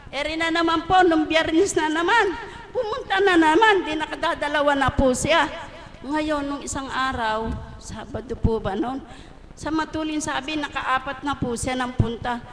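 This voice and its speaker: A woman's voice: high-pitched, normal speed, a bit bright. Older woman giving earnest testimony in an echoey hall. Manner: earnest, polite, repeats thanks to God. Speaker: church member giving testimony. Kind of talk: personal testimony. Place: church hall. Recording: echoey hall with faint noise.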